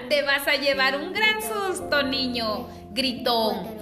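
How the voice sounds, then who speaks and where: A woman's voice: high-pitched, animated, takes it slowly. A woman voicing a hungry, sly male wolf in a children's story, with lip-smacking hums. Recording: echoey room with music behind.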